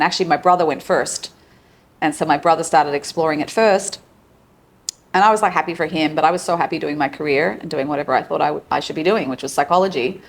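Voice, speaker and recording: A woman's voice: deep voice, vocal fry, a little hiss or hum. A middle-aged woman with an Australian accent, a psychologist guest candidly telling her personal story in conversation.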